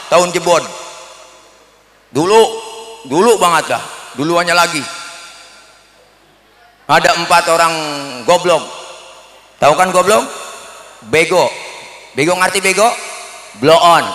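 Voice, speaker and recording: A man's voice: high voice, pushed and bright. A man with a Betawi accent giving a humorous sermon, joking and chatting with the crowd. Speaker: preacher. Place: mosque event hall. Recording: echoey hall sound.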